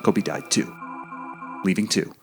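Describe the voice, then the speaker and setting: A man's voice: deep voice, a little slow, gravelly, loud music behind the voice. A man narrating his own documentary in a dry, wry, mock-serious voiceover.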